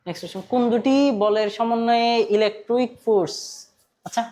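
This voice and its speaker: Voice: medium pitch, fairly quick, warm tone. A physics teacher with a Bangladeshi Bengali accent giving a casual online class, asking students questions, repeating key points and slipping in English terms.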